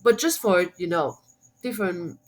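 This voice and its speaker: Heard on a rough recording, her lowish voice moves at a moderate pace. She's a Hong Kong woman, Cantonese by first language, guesting on a podcast interview as a homeschooling mom and blogger. Her second-language English carries a Hong Kong accent and plenty of fillers and false starts.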